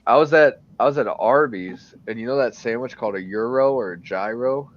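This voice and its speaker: Man, truck driver, casual chat, middle pitch, rambling, muffled lo-fi recording. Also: fairly quick. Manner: rambling, heavy on "like", laughs often. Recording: dull lo-fi recording.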